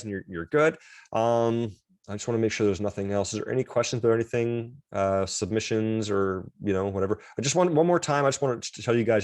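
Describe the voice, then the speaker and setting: A man's voice: fairly low pitch, a little mellow, no room sound, clean studio sound. A man teaching an online class, talking casually and self-deprecatingly with frequent restarts over a video call. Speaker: instructor.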